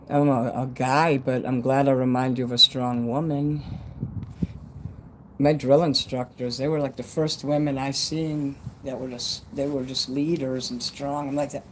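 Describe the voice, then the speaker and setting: Medium in pitch, this American livestream host in his fifties talks casually, bluntly, and at length, dropping frequent swear words. His s sounds whistle from a dental retainer, and a steady background noise is audible.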